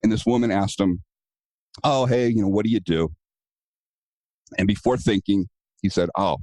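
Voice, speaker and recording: A man with a low, warm, relaxed voice speaks as an interview guest. He tells stories in a casual, earnest way and acts out the other people's lines as he goes. The sound is dry, with no room around it. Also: no echo, low-quality recording. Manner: storytelling, acting out quoted dialogue; earnest, advice-giving. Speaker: guest, self-defense business owner.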